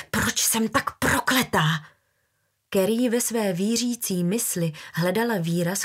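Brief: a woman narrator for a dark novel, steady storytelling, mid-range voice. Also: medium pitch, husky. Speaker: audiobook narrator. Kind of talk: scripted narration.

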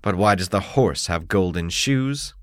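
A man voicing a gruff, impatient blacksmith in a storybook reading. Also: low-pitched, animated, a little slow, no echo, studio quality. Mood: scoffing. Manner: blunt, scoffing.

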